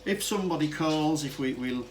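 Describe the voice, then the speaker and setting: A hobbyist who demonstrates vintage telephone equipment talks through an informal, unscripted demo, rambling hesitantly and often cutting himself off. His voice is fairly high and moves at a moderate pace. The footage is a clearly noisy amateur camera recording.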